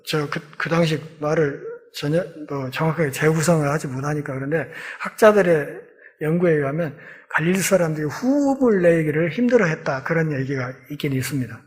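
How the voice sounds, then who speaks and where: A middle-aged male pastor giving a Bible lecture sermon in a church, folksy and lively, acting out quoted voices with humor. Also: a little high.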